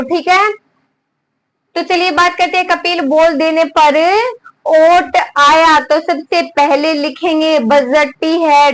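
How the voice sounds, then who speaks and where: Lady teacher, high voice, goes slow, repeats stuff, asks questions then answers them herself. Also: a bit bright, rough recording. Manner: repeats items for students to write down. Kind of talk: classroom lesson dictating notes.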